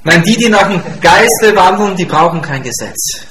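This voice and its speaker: High-voiced man preaching in an echoey room. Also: animated, normal speed, sharp tone. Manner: emphatic, repeats key points. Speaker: pastor. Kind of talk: sermon. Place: church hall.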